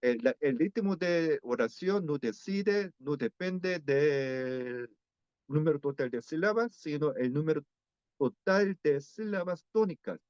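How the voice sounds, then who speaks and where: A man with a Korean accent lectures slowly and carefully, stopping to restart words and repeat examples. His voice sits a little high. The sound is dry and somewhat dull, like a lo-fi online session. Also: expressive, a little mellow, clear, resonant tone, dry recording. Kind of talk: academic lecture on pronunciation.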